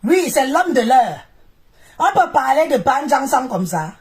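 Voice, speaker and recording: High-pitched woman chanting praise on a live stream. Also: sing-song, measured pace, a little mellow, slightly rough. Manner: chanting, repetitive, exclamatory praise. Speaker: social media live streamer. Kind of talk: live stream hype and commentary.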